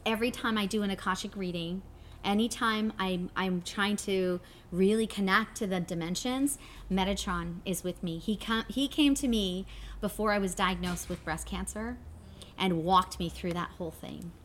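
A woman's voice: mid-range voice, normal speed, a little hiss or hum. A woman co-hosting a live podcast, speaking in an effusive, spiritual coaching way. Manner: warm-hearted, effusive, spiritual coaching talk. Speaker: podcast co-host. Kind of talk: casual live podcast chat. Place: winery event space with live audience.

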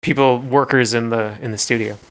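A man's voice: medium pitch, fairly even intonation, a little fast. A man co-hosting a podcast, talking in a laid-back, hesitant way full of filler words as he discusses a song. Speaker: podcast co-host. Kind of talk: casual song-breakdown chat.

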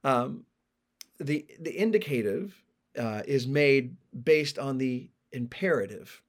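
Slow, earnest man teaching scripture. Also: medium pitch, lively intonation. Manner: deliberate, earnest, eager to explain. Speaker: podcast host. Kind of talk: Bible study teaching.

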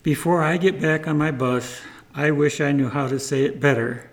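A gentle, earnest American teenage girl, as a male storyteller puts her on, pleading softly with a stranger. Her voice sits a little high. Her words come slowly and tenderly. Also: fairly even intonation, lightly acted. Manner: soft, pleading.

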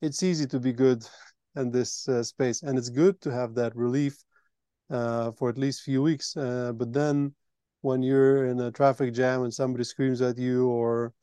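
A man explains things earnestly in a smooth, resonant voice. His pitch barely moves and his tone stays mellow, with a dry, close sound. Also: fairly even intonation, moderate pace, no echo. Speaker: retreat host. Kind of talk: conversational interview.

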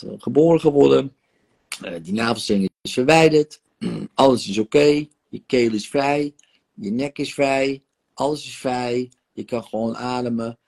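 A man with a gravelly, husky voice talks someone through a guided regression session. He coaxes and soothes, stretching out sighs and soft exclamations, and sometimes sinks toward a whisper. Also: mid-range voice. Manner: soothing, coaxing guidance with drawn-out sighs and exclamations. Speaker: therapist guiding a session.

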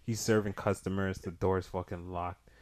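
A man's voice: deep voice, level tone, normal speed, a little mellow. A young man hosting a casual chat, speaking in a hesitant, rambling way with heavy street slang. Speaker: podcast host.

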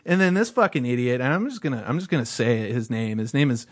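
Casting: male podcast co-host, casual, heated and profane, mid-pitched. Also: very animated, fast. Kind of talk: casual chat.

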